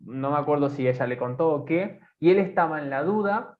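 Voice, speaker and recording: A man in his twenties with an Argentine accent, co-hosting a casual podcast and talking haltingly with many fillers and restarts. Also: on the high side, animated. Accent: Argentine Spanish. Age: 20s. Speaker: podcast co-host. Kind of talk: casual conversation. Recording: tinny phone-like sound.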